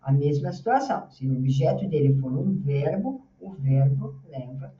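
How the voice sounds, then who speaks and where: A woman with a Brazilian Portuguese accent teaching an English grammar lesson, patiently explaining and sounding out English words slowly. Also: deep voice, expressive, mellow. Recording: roomy, distant, dull lo-fi sound.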